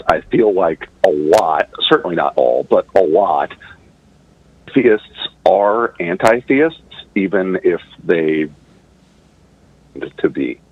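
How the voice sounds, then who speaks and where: A man calling in to a show, speaking in a halting, hesitant way while his call audio glitches and clips the starts and ends of his words. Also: low voice, slightly rough, no room sound, narrow, tinny audio. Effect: glitchy call audio, starts and ends of words cut out. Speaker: caller. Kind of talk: casual call-in conversation.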